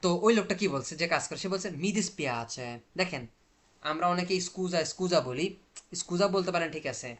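A man with a noticeably high voice and Bengali as his first language explains an Italian dialogue one line at a time. He has a repetitive teaching habit of posing questions to the class and then answering them himself. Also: brisk, a bit bright.

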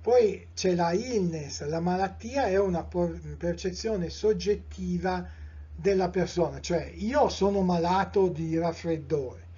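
A middle-aged Italian-accented man delivers a live lecture, speaking in a measured, discursive way and often turning to his listeners with rhetorical questions. His voice is dark, mellow and strongly husky, sitting a bit high for a man. The live recording sounds dull and lo-fi. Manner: measured, discursive, with frequent fillers and self-corrections.

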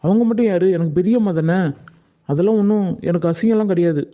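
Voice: mid-range voice, quick pace, narrow, tinny audio, close to an everyday voice. A performer voicing a fond, apologetic village husband in a cartoon, with a Tamil Nadu accent and a coaxing tone. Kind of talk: cartoon voice acting.

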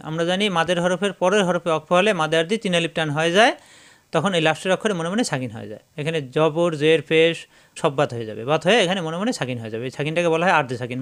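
A man teaching Quran recitation, spelling out syllables slowly and then chanting the verses drawn out. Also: on the high side, fairly bright tone.

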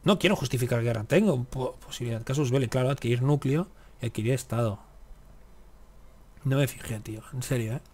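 Speaking a little fast in a medium-pitched, slightly mellow voice, a male gaming YouTuber offers casual commentary while playing a strategy game. He mutters under his breath and curses at the game.

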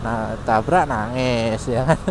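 A man giving casual motovlog commentary while riding a scooter in city traffic, chatty and quick to exclaim, recorded on a helmet intercom mic. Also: medium pitch. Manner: chatty, exclaims often, laughs between remarks. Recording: wind and traffic noise.

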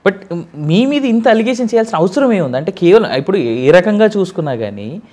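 A man's voice: high-pitched, very animated, brisk, darkish tone. A man with a Telangana Telugu accent, interviewing a politician with polite but persistent questions. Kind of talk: news interview.

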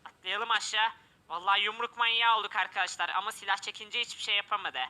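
A man giving excited let's-play commentary, often crying out in alarm as he plays. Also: high-pitched, quick pace. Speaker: gameplay commentator.

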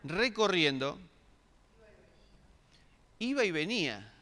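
Speaking slowly in a high, very animated voice that sounds pushed and bright, a middle-aged pastor questions his congregation during a sermon, restarting frequently. The church hall adds a long reverberant tail to the recording.

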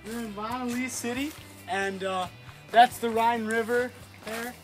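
High-voiced joking man exploring a castle. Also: steady tone, measured pace, a bit bright, soft background music. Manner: jokey, chatty, often mumbled. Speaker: friend on trip. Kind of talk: casual chat. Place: old castle ruin.

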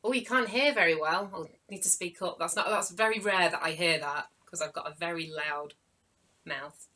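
A woman, a children's author, telling a story to young children with dramatic gasps and hushed asides. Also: on the low side, moderate pace.

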